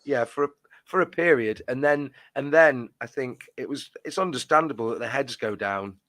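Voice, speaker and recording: A fan channel co-host gives his post-match reaction, rambling and letting the ends of his phrases trail off into a mutter. His voice is medium-pitched and fairly bright, at a normal speed, in a dry recording.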